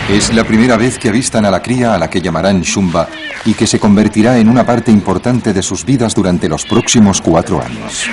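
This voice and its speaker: A man's voice: lowish voice, fairly quick, noisy background. A man reading scripted narration for a nature documentary. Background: music bed.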